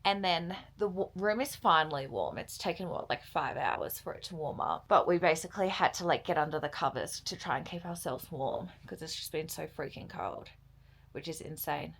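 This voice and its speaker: Young woman, casual travel vlog, chatty, laughing, very expressive pitch, phone recording. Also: normal speed, slightly rough. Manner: chatty, bubbly, laughs often. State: out of breath from altitude. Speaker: travel vlogger. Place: outdoors on a mountain horse trek, then indoors.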